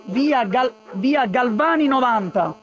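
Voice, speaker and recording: A man's voice: extremely high pitch, animated, takes it slowly, dull audio. A man, an animal rights activist, filming a tense confrontation outdoors and pleading insistently for help. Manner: insistent and urgent, pleading and arguing. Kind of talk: live confrontation on camera. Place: street outdoors among agitated people. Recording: loud crowd around.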